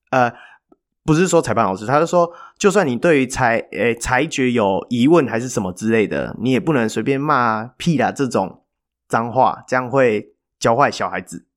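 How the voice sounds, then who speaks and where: A man, co-hosting a podcast and telling a story in a chatty, animated way with filler pauses. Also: medium pitch. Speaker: podcast co-host. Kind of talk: casual storytelling chat.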